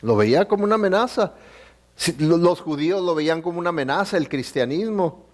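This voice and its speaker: A man's voice: fairly high pitch, animated, fairly quick. Man preaching with checking-in questions. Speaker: pastor. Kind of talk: sermon.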